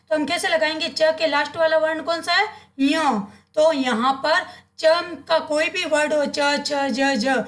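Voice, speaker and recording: A high-voiced woman explaining grammar as a teacher. She asks her students questions, answers them herself and repeats the key terms so they stick. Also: a bit bright. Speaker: Hindi teacher.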